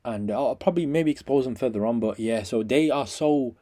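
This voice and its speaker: A man delivers a scathing critique in a casual, rambling video review. His voice is mid-pitched and on the mellow, dark side. He is blunt and slangy, circling back to repeat his grievances. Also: fairly quick. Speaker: vlogger giving a review.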